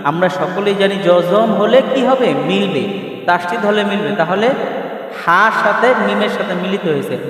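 A man's voice: high-pitched, moderate pace, fairly bright tone. A man teaching Quran reading step by step, asking questions and answering them himself, spelling out letters in a chanting sing-song. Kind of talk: step-by-step recitation lesson. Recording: echoey hall, mic far off.

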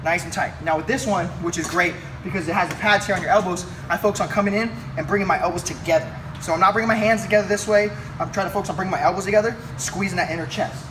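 Talking rapid-fire with few pauses, a young fitness coach with a high-sitting voice runs through a chest workout in a weight room, energetically explaining the moves as he lifts. A camera mic several feet off picks him up, giving distant audio with room noise.

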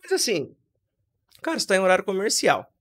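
Man, podcast co-host, casual chat, emphatic, opinionated, highish voice. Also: huge pitch swings, brisk, a bit bright. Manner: emphatic, opinionated, acts out quoted dialogue.

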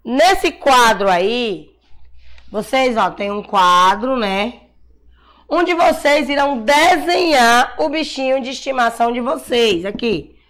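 A Brazilian woman teaching a class of young children, sounding out syllables slowly and patiently, calling herself auntie and praising often. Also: fairly high pitch, animated, a bit bright. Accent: Brazilian Portuguese. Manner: calls herself "tia", encouraging praise. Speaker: primary school teacher. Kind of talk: slow dictation-style class for young children.

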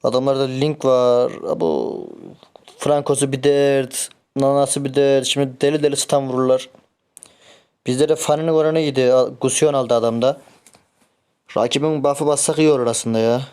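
Male streamer, chatty and hot-headed, mid-pitched, talks through his match. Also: moderate pace, clean tone. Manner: excitable, swears and grumbles at teammates. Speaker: gameplay streamer. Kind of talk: casual live game commentary.

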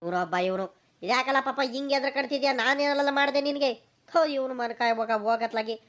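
A woman's voice: high voice, a little fast, lightly acted. A woman voicing a stern, suspicious older village father who scolds with demanding questions, speaking with a rural Karnataka accent. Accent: rural Karnataka Kannada.

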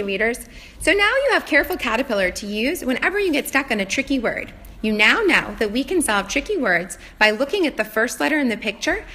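A woman kindergarten teacher giving a reading lesson, speaking simply and deliberately as if reading to a small child, sounding out letters and words. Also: high-pitched, sharp tone.

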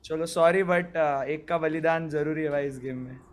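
A man's voice: on the high side, fairly even intonation, normal speed, slight background noise. A man chatting casually while playing an online game with friends, commenting on his own moves. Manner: laid-back, narrates his own play. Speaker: gamer on a group stream. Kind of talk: casual gaming chat.

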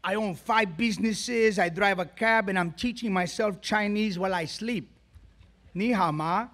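A man's voice: high-pitched, moderate pace, voice pushed up. A man voicing a boastful, scolding middle-aged immigrant father. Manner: scolding, loud and exasperated.

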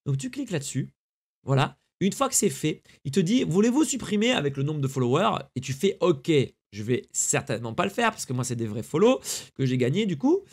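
Young male streamer, higher voice, slangy, chatty tutorial delivery. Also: very animated, brisk, slightly rough. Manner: chatty, slangy, addresses viewer directly. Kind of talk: casual screen-recorded tutorial.

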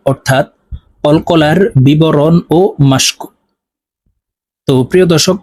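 A male Quran recitation teacher, teaching a lesson and drilling syllables slowly, rising high at the end of each drill set. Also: a little mellow, dry recording.

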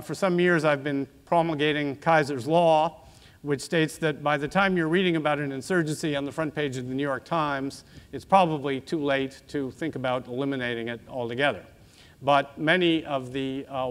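A man in his sixties giving an academic lecture in a measured, discursive professorial manner with asides. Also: a little high, fairly bright tone. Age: 60s. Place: auditorium stage at a lectern, indoors.

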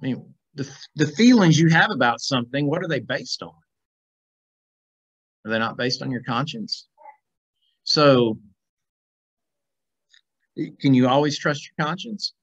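A middle-aged man with a husky, mid-range voice speaks a little slowly with lively intonation and frequent pauses. He's teaching a casual Bible class by video call, reading aloud and chatting with questions for the class. The audio, via computer mic in a small plain room, is dull and lo-fi.

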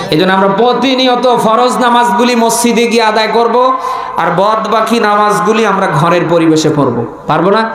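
High-pitched preacher, heavy echo. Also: male voice, fairly bright tone. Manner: exhorting, rhetorical questioning, emphatic repetition. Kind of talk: impassioned sermon addressed to a gathering, with call-and-response questions. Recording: very echoey amplified sermon sound.

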